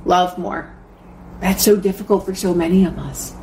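A woman hosting a casual motivational talk, animated and swearing, acting out her own excited inner voice. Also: on the low side, a little fast. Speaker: host. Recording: echoey room with faint noise.

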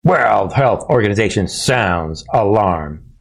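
A man hosting a political commentary show delivers an informal monologue of news commentary, ranting to his followers in halting, broken phrases. He sounds conspiratorial, alarmist and mocking, with sarcasm and chuckling asides. His voice is on the low side and gravelly, with lively intonation.

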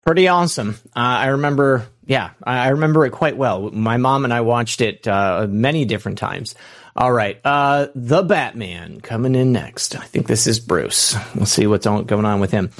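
A man's voice: mid-range voice, lively intonation, normal speed. A man hosting a livestream talk show, chatting in an upbeat, rambling way. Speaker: show host. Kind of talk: casual livestream chat.

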